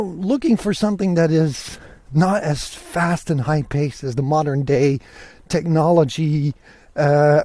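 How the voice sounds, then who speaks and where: With a fairly high, mellow voice and no echo, a man from Belgium records his podcast solo outdoors as he strolls through countryside fields. He uses a portable podcasting setup and keeps the tone relaxed, conversational and upbeat.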